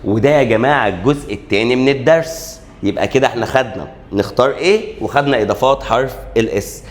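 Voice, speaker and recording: A man with an Egyptian Arabic accent teaching an exam-prep English grammar lesson, animated, posing students' questions and answering them himself, drawing out key letters slowly. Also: medium pitch. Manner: animated, asks and answers his own questions.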